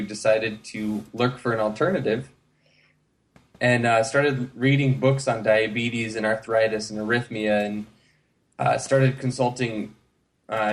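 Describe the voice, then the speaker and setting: An American man in his thirties, appearing as a guest on a casual interview, tells his own story in a relaxed way with lots of filler words. His voice sits at a medium pitch.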